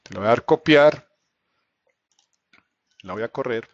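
A man teaching a live online programming class, walking through code on screen. He explains step by step, quizzes the students and often checks in with a quick question. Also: mid-range voice, no room sound, muffled recording. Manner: explanatory, asks students questions, frequent fillers like "entonces" and "¿cierto?". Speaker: programming instructor.

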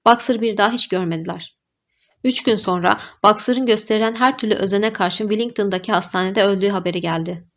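A woman narrating an audiobook with an even, measured reading style. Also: medium pitch. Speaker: audiobook reader. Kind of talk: scripted narration.

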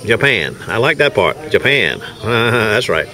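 An older man with a lowish, very animated voice gives slow, folksy running commentary on his knife-sharpening work at an outdoor farmers market, laughing often. It was recorded on a handheld camera, with crowd noise and faint outdoor sound around him.

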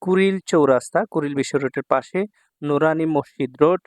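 Teaching Japanese kanji, a Bangladeshi man speaks fairly quickly in a high-ish, slightly mellow voice, captured in a dry recording. Repeated words and frequent "ঠিক আছে?" check-ins with students mark his lesson.

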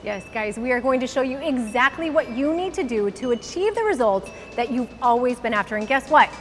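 Enthusiastic woman, high voice, long studio reverb, soft music bed. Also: expressive, fairly quick. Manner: bubbly, enthusiastic, emphatic. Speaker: fitness coach co-host. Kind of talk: scripted promo pitch. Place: large bright indoor studio. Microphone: lapel mic.

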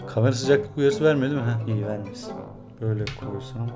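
A young Turkish man chats casually on his YouTube vlog while solving a puzzle, muttering and grumbling in mock frustration. His voice is medium-pitched and brisk, with music playing in the background.

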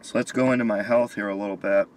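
A man's voice: lowish voice, steady tone, fast, darkish tone. An American man in his fifties with missing teeth and toothless-sounding speech, giving a rambling personal diary monologue. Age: 50s. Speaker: video diarist. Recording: distant mic, faint background noise.

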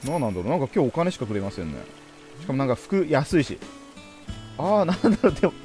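A man's voice: medium pitch, very animated, fast talker, darkish tone, faint music behind. A man giving casual let's play commentary, chatting playfully to the characters on screen as he plays. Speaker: game streamer.

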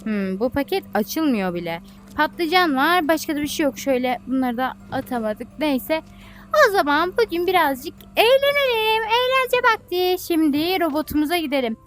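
Woman, very high pitch, lively bouncy intonation, playful gameplay commentary, excitable, squealing. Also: normal speed. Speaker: gaming YouTuber.

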